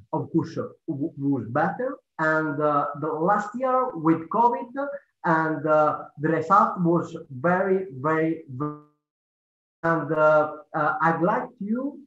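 A man with an Italian accent whose first language is Italian, presenting to a conference over a video call and often pausing to search for words. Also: on the high side, a bit bright. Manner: halting, searching for words with many hesitations. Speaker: conference speaker, head of a national cleanup group. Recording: echoey, muffled video-call audio.

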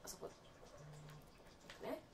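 A woman's voice: drawn-out words, a little mellow, slight background noise. A young woman chatting casually as a game streamer, teasing her partner and giving her hints. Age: young adult. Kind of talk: casual live gameplay chat. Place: indoor room, seated beside co-player.

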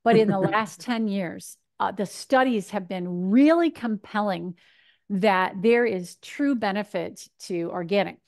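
A woman in her fifties from Michigan, a nutrition speaker answering questions in a chatty, animated way over a video call from her home kitchen. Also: medium pitch, measured pace. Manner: chatty and animated, gesturing, acts out her own thoughts. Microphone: video call webcam.

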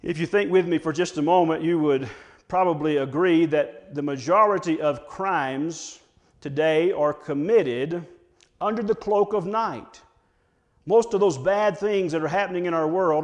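American man, pastor, slow deliberate sermon, dramatic scripture reading, fairly high voice.

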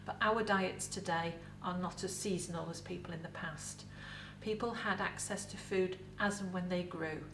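A middle-aged woman with an English accent, a museum educator in costume, giving a lively, chatty talk to camera about food with props in an indoor set. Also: fairly low pitch, moderate pace, few pauses, background noise. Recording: roomy echo, voice from a distance.

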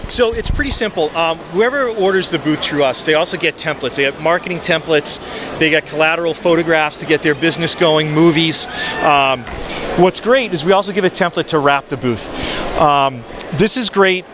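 A man in his forties giving an upbeat sales pitch for his product on a handheld mic, with frequent ums, in a busy expo hall. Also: normal speed. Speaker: photo booth maker. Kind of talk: trade show product pitch. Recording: noisy trade show floor.

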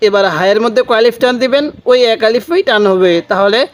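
A man teaching Quran reading, drawing out each letter slowly and prompting his viewers to answer. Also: high voice. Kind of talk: Quran recitation lesson.

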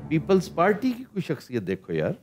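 A middle-aged man hosting a studio quiz, his voice swinging lively up and down as he questions the guests. He sounds close to the mic, with faint music underneath. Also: fairly high pitch. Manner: animated, quick questioning. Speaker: quiz host. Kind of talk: TV quiz banter. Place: TV studio set, indoors.

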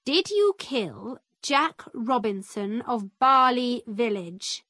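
A woman voicing a stern male judge who asks questions slowly in a storybook. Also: fairly high pitch, lively intonation, pushed and bright, no room sound, clean studio sound, heavily acted. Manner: slow, measured questioning.

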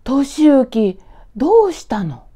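A woman's voice: on the high side, moderate pace, mellow, pitched above the performer's own voice, natural voice. A woman storyteller voicing a middle-aged country mother who scolds her son and worries about him. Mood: puzzled. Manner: scolding, then anxious.

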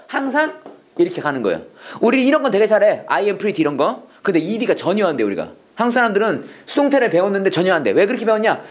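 A Korean speaker teaching English prayer phrases to a class, drilling lines and having students repeat. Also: mid-range voice. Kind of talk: classroom lesson, call and response drills.

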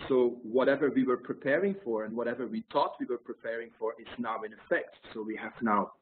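A man's voice: mid-range voice, fairly even intonation, brisk. Guy in his 30s from belgium giving a keynote over a phone-thin call line, light hiss behind. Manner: loose, talkative, uses fillers. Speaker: guest speaker. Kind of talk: keynote talk on video call. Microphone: video call webcam. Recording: tinny call audio, faint noise.

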